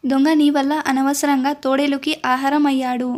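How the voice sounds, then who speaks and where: A playful young man who teases the queen he protects, read by a woman in her own voice. His lines sit high and come out even and level, with little rise or fall. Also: normal speed, natural voice. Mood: teasing. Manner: teasing. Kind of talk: storytelling narration.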